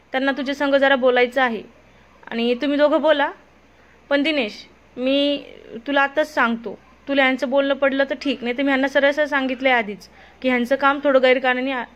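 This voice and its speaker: A woman's voice: high-pitched, steady tone, fairly quick, a bit bright. Woman reading as a stern senior boss, blunt and commanding, dull lo-fi sound. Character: stern senior office boss, middle-aged man.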